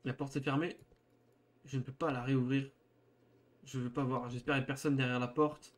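A man's voice: mid-range voice, flat delivery, fairly quick. A young man streaming a horror game, reacting in informal, slangy, joking commentary. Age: young adult.

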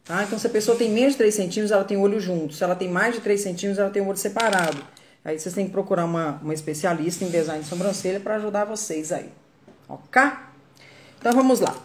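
A woman's voice: mid-range voice, quick pace, darkish tone, a little hiss or hum. Chatty Brazilian woman teaching makeup. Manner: chatty, greets viewers by name while working. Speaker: makeup artist. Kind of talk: live makeup tutorial. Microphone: phone.

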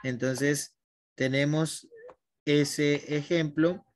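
A man's voice: on the high side, fairly even intonation, extremely slow, no room sound, clean studio sound. A man teaching a language class online, patiently guiding his students by name.

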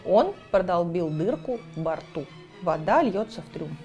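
A woman reading a children's book aloud, in an expressive storytelling manner. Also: fairly low pitch, measured pace, muffled recording, faint music behind. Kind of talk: storybook narration.

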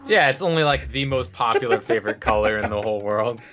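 A man's voice: mid-range voice, fast, fairly bright tone. A man co-hosting a casual let's play, sarcastic and swearing freely. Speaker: co-host. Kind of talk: casual gameplay commentary.

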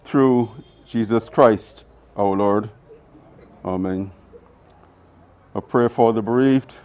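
A man reading burial prayers aloud in a solemn liturgical style, letting phrase ends fall away softly. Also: lowish voice, slow. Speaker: officiant.

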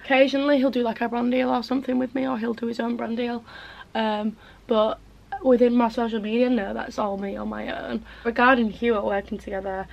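On a muffled recording, a woman in her twenties with a voice on the high side, level and brisk with vocal fry, chats casually in her bedroom. She's a beauty vlogger filming a get-ready-with-me video, losing her voice and a little hoarse, and rambles with many "like"s and "um"s.

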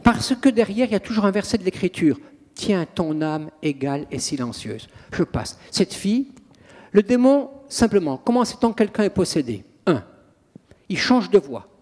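Priest and exorcist, male, high husky voice, theatrical and lively; hall reverb. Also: moderate pace. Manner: theatrical storyteller, acts out scenes. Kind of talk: anecdotal public talk.

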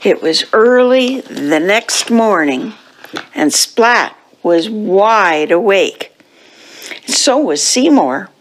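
A woman reads a picture book aloud to children at church, taking her time with each line. Her voice rises and falls with a lot of expression, and she speaks in a middle-range pitch. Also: poor audio. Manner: slow, expressive storytelling. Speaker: children's story reader at a church service.

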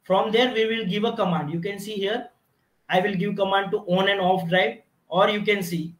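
High-voiced instructor, echoey lab. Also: male voice, steady tone, normal speed, a bit bright. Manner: step-by-step, repeats "you can see", frequent restarts. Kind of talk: technical lab demonstration. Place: automation lab with equipment. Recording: echoey room.

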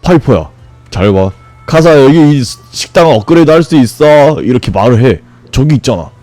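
A man streaming a game, grumbling and swearing at it, then breaking into sudden high shouts. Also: expressive, normal speed, dry recording, soft background music. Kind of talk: frustrated live gameplay commentary.

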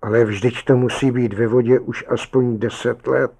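A man doing a quiet, grave old lifeguard. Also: mid-range voice, level tone, gravelly, slightly rough. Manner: quiet and slow. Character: weathered middle-aged male lifeguard, grave and gentle.

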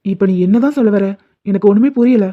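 A man's voice: high-pitched, fast talker. A man doing a sensitive young orphan lad. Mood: defensive. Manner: pleading, tearful. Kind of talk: animated cartoon voice acting. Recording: tinny phone-like sound.

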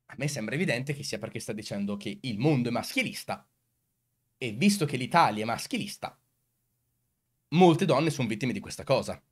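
Male commentary host, medium-pitched voice, emphatic delivery full of rhetorical questions to the audience. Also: lively intonation, brisk. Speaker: video host. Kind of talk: commentary answering comments on recorded clips.

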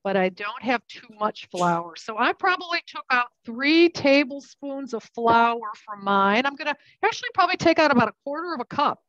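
Chatty woman running a live cooking demonstration, with a fairly high voice, talking through each step as she works the dough. The sound is muffled and dry, with no room echo. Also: sing-song, normal speed, few pauses, fairly bright tone. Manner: chatty, explains while working with her hands. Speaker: cooking class instructor.

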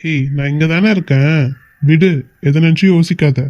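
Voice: mid-range voice, steady tone, normal speed, dry recording, natural voice. A voice actor plays a kind young man in a cartoon who soothes and reassures a crying friend. The sound is dry and close but a little dull and lo-fi. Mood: reassuring. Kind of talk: cartoon voice acting.

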